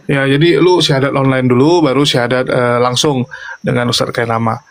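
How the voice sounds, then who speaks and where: A man's voice: mid-range voice, fairly even intonation, a little fast, vocal fry. A man hosting a casual interview, teasing his guest and talking to viewers. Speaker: host.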